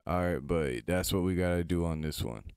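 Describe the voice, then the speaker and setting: A man's voice: low-pitched, moderate pace, vocal fry, darkish tone, clear, resonant tone, dry recording. A man hosting a screen-recorded tutorial, chatting informally as he gives step-by-step instructions into a close mic. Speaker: tutorial host.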